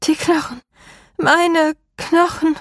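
Croaking, tormented cursed woman. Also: very high voice, fairly even intonation, takes it slowly, no room sound, studio quality, pitched above the performer's own voice, full character voice. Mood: pleading. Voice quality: croaking, strained. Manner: desperate, pleading.

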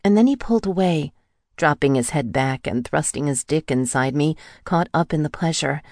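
Brief: a woman, deep-toned, intimate and breathy, reading a romance audiobook dry and close. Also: moderate pace, darkish tone, no echo. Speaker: audiobook narrator. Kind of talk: first-person romance audiobook narration.

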